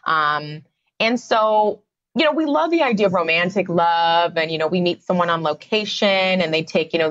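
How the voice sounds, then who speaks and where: A psychotherapist appears as a guest in a podcast interview, explaining her views conversationally with many fillers. Her voice is fairly low and a bit bright, and the audio sounds dull.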